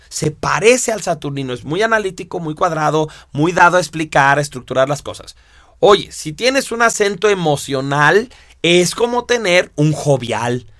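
A man's voice: fairly high pitch, fairly bright tone, dry recording, clean studio sound. A man teaching a lesson, walking through examples and often checking in with "¿sí?". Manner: explains with examples, asks "¿sí?" often. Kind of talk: explanatory lecture.

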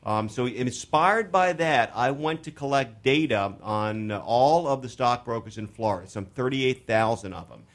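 Halting radio finance show host. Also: male voice, mid-range voice. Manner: halting, many fillers and restarts, joking.

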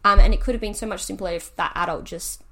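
A woman's voice: mid-range voice, steady tone, fast, sharp tone. A young adult woman explaining things conversationally, talkative and emphatic, acting out quotes as she goes.

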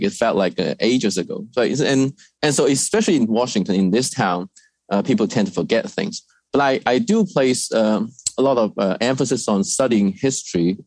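A man's voice: mid-range voice, dry recording. A man from China, a research fellow, answering interview questions thoughtfully with frequent fillers and restarts.

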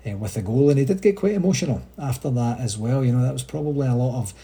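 Scottish man, podcast host, mellow warm tone, rambling chatty delivery. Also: mid-range voice, expressive, fast. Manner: chatty, rambling, frequent restarts. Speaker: supporters' association podcast host. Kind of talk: casual solo podcast update.

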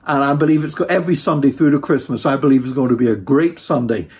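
An Irish man telling a personal testimony as a preacher, in an earnest, lilting storyteller's manner with repeated phrases for emphasis and a husky voice. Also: medium pitch, fast talker, a little mellow.

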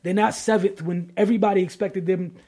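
Husky guy w a high voice, co-hosting a sports podcast, gets loud and slangy making his point. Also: fairly even intonation, fairly quick. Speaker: podcast co-host. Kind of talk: casual sports talk.

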